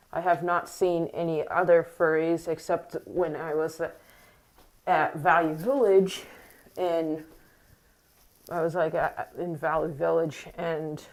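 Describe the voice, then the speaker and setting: A young woman talks to her camera in a low voice, wandering from thought to thought with plenty of fillers. She restarts often and sounds slightly squeaky from the morning, with a mask over her face. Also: a little mellow, poor audio. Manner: rambling and hesitant, many fillers and restarts. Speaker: vlogger. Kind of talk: casual rambling monologue to camera. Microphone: wearing a mask.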